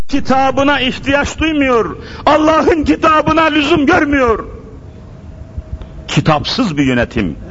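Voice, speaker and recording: A man's voice: high voice, a bit bright, highs cut off, a little hiss or hum. A man preaching a sermon into a pulpit microphone, emphatic and insistent, firing rhetorical questions and repeating his phrases. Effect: speaking into a pulpit microphone.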